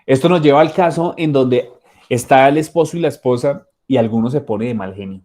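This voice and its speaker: A man giving a soft skills training talk, conversational and acting out short dialogues. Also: medium pitch, a little fast. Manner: conversational, acts out little dialogues with repeated fillers. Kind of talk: training lecture.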